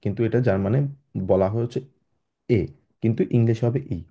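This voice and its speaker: A young man whose first language is Bengali, teaching German on a video call. He talks hesitantly with many fillers and restarts, and spells out letters slowly. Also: mid-range voice, steady tone, highs cut off. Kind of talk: online class lecture. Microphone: computer mic on a video call.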